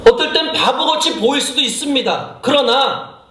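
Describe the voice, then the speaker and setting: A man's voice: very high voice, expressive, moderate pace, bright, forceful tone, a little hiss or hum. A male senior pastor preaching a sermon, impassioned, acting out his own prayers and putting questions straight to the congregation. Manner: addresses the congregation directly with questions. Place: church sanctuary. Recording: echoey church hall.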